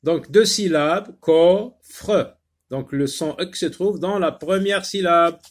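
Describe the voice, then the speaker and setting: Slow, patient male French teacher. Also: fairly high pitch, slightly rough. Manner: slow, patient, repeats words syllable by syllable with many fillers. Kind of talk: phonics lesson for young learners.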